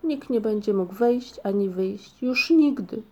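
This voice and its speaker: An earnest young troll boy in a storybook , as a woman reading aloud puts him on. He speaks with bitter despair, the voice warm and a little raised. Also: mid-range voice, animated, slow, slight background noise.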